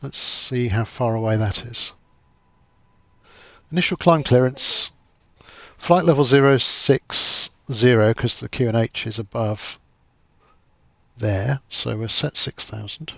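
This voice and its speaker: A man's voice: medium pitch, slow pace, gravelly, long pauses, fairly bright tone, no room sound. A man with a mid-range voice in a dry, slightly dull recording. He chats casually as a flight sim streamer, thinking aloud and poking fun at himself. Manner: self-deprecating, chatty, thinking aloud. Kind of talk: casual livestream commentary while playing.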